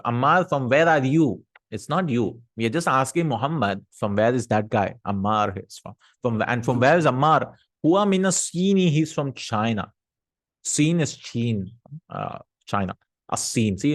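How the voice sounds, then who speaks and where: Male teacher, mid-pitched, patient, chatty lesson drills, dry close sound. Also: dry recording. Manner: patient, explains and drills vocabulary aloud; chatty asides, laughs at himself. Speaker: Arabic teacher. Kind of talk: recorded language lesson.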